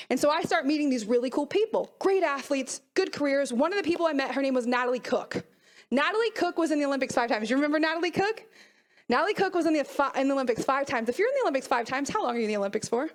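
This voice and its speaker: A woman mental performance coach giving an energetic motivational talk to a youth team, often asking the audience questions. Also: sits high.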